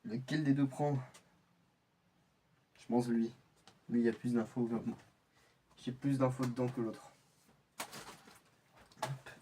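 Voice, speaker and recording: Lightly acting an undercover infiltrator, a man mutters pensively to himself about his cover in a scripted monologue. His mellow, medium-pitched voice stays steady, moving slowly with frequent pauses. He is recorded on a distant mic with slight hiss or hum.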